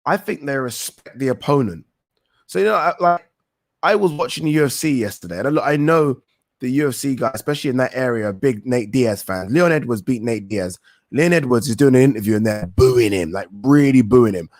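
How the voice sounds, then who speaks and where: A young man hosts a live boxing talk stream, reading viewers' questions aloud and answering them in a rambling, think-aloud style sprinkled with casual swearing. His voice is medium-pitched, recorded in studio quality with no room sound.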